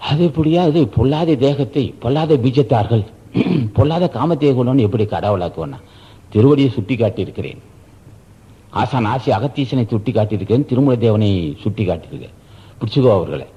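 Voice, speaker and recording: Male spiritual teacher, sermon; emphatic and repetitive, husky voice, muffled archival tape. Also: mid-range voice, dark tone. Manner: repetitive, emphatic preaching with rhetorical questions. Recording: dull archival tape recording.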